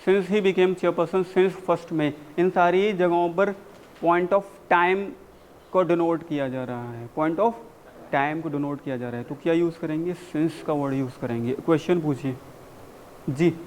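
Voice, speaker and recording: A man with an Indian accent gives a classroom lesson on spoken English. His voice sits high, and he talks at an unhurried pace, stretching out each English example sentence. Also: fairly even intonation, a little hiss or hum. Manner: explains in Hindi with slow, drawn-out English example sentences. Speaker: English communication coach. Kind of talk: classroom lecture. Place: university classroom.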